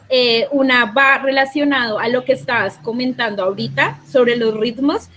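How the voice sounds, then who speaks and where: Female host with a slightly high voice, easygoing and rambling as she puts questions over a video call. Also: fairly bright tone, a little hiss or hum. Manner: long, winding questions with many fillers. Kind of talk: casual interview questions.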